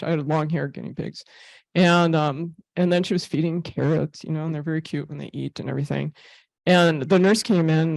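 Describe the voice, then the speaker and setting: A woman's voice: deep voice, creaky, a little mellow, no echo. Chatty woman telling stories at a talk. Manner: chatty storyteller, laughs often, many fillers. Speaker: therapy animal volunteer giving a club talk. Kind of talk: casual presentation with slides.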